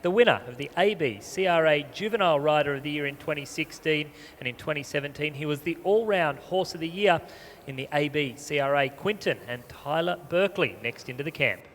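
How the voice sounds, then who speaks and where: A man's voice: a little high, expressive, brisk, fairly bright tone. Male sports announcer in reverberant arena. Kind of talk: informative live sport commentary, reading competitor profiles. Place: large show arena over loudspeakers. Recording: reverberant stadium PA with background noise.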